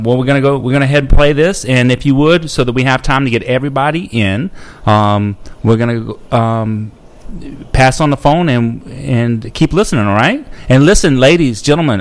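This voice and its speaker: Smooth-voiced male radio host. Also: medium pitch, a little fast. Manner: friendly, rambling, many ums and restarts. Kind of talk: casual radio chat with phone callers.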